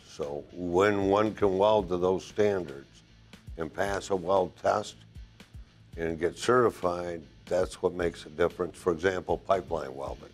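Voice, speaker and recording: A man in his sixties, a welding instructor, answering interview questions in a classroom with measured, deliberate phrasing and a lapel mic. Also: low-pitched. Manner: measured, deliberate, listing points with pauses. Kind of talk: interview answers to a program video. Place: classroom, indoors.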